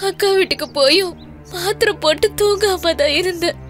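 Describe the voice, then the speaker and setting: A woman's voice: very high-pitched, normal speed, fairly bright tone, soft background music. An actress playing a desperate young married woman who cries and pleads through her words. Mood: pleading. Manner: pleading, sobbing. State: crying.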